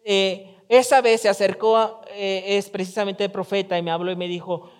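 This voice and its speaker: A man's voice: high-pitched, little pitch movement, normal speed, clean tone, long reverb tail. A man preaching a conversational sermon in a church, acting out little quoted exchanges as he goes. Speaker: pastor.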